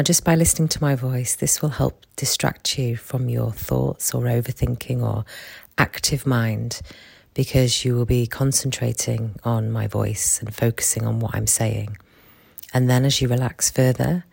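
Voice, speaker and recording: A soft, intimate voice close to the ear, soothing and lulling, often slipping toward a whisper while guiding a sleep relaxation. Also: medium pitch, vocal fry, husky, dry recording. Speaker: relaxation guide. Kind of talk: guided sleep relaxation, hypnotic monologue.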